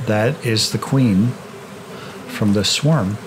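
Low-voiced man explaining beekeeping outdoors. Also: slow pace, noisy background. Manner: relaxed, explanatory, with frequent restarts. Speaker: beekeeper, channel host. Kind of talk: explaining while working outdoors. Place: outdoors in a grassy yard among beehives. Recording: outdoor recording with insect buzz behind.

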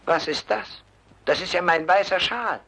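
A man dubbing a grumpy middle-aged suburban father and new grandfather in a German film, gruff and dryly sarcastic. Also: sits high, moderate pace, pushed and bright, exaggerated voice. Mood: grumbling. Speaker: father of a married daughter.

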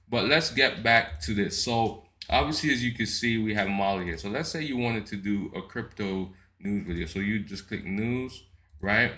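Guy doing a laid-back tech tutorial, kinda low but punchy bright voice, lots of "right?" and restarts. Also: moderate pace. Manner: chatty, frequent "right?" tags and restarts. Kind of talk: casual screen-recorded software walkthrough.

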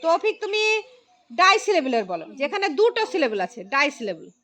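A woman teaching a primary school class. She calls on pupils by name, repeats key phrases slowly and praises their answers. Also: high voice, big pitch swings, fairly bright tone. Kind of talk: classroom lesson.

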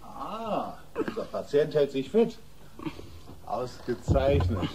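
An actor playing a genial, patronising asylum doctor who repeats himself, in a German horror radio play. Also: male voice, mid-range voice, big pitch swings, takes it slowly, noisy background. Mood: jovial, patronising.

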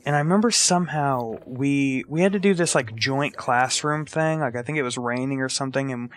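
This young man speaks at a medium pitch and a brisk pace. A gaming video creator and storyteller, he chats over gameplay, animatedly recounting what happened with acted-out lines and the odd curse.

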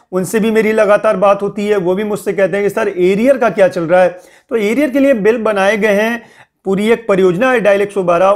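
A young man hosting a casual spoken news update, warning his viewers and scolding them with repeated pleas. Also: high voice. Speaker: news channel host.

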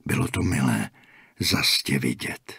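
A man voicing a calm, cryptic older male gas station attendant in an audiobook, speaking slowly and matter-of-factly in a hushed, half-whispered way. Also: deep voice, gravelly, breathy edge, dry recording, studio quality, heavily acted.

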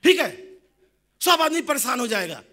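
A young man giving a motivational talk, telling jokes and stories in an animated way. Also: very high voice, normal speed. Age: young adult. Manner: animated, joking storytelling. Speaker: motivational speaker.

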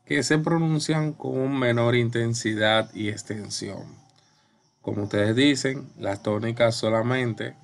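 Slow, gravelly-voiced male teacher. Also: mid-range voice. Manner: patient, repeats key points, asks questions and answers them. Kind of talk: slow classroom explanation.

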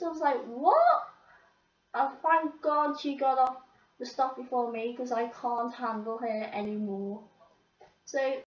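A teenage girl vents her pet peeves to camera with plenty of swearing. Her voice sits high and she talks at an unhurried pace. The sound is roomy, a bit distant from the mic and dull, like a cheap home recording. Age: teens. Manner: swearing, exasperated complaining. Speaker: vlogger. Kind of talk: ranting to camera.

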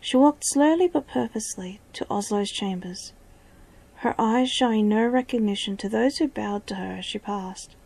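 A woman reads a fantasy story aloud in whispered storytelling, often dropping to a whisper. Her voice is breathy and mellow. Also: medium pitch, normal speed, low-quality recording. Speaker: narrator.

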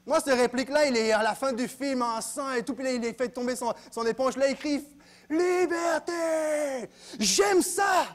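A man preaching a sermon in a church, dropping to quiet asides and then rising to loud exclaims. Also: very high-pitched, fairly even intonation, fairly quick, hardly any pauses. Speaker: pastor.

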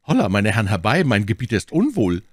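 A man voicing a loyal servant in an audiobook, calling out loudly in alarm. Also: on the low side, huge pitch swings, a little fast, dry recording.

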